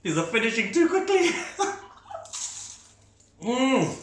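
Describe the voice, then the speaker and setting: Bright-voiced man reviewing food, echoey. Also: extremely high pitch, very animated, takes it slowly, slight background noise. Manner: enthusiastic, talks while chewing. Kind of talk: casual food tasting commentary. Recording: echoey room.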